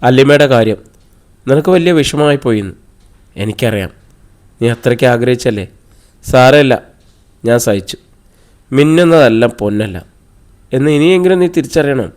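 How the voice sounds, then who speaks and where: A man's voice: mid-range voice, expressive, normal speed, pauses often, a little mellow, natural voice. A man reading the part of a preachy older sister who lectures her brother with sarcasm. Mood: lecturing.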